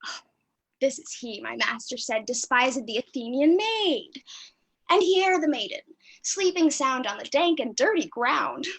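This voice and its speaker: Woman as mischievous fairy sprite, high voice, slow rhyming delivery. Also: expressive, vocal fry, fairly bright tone, husky, full character voice, rough recording. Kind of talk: Shakespeare reading.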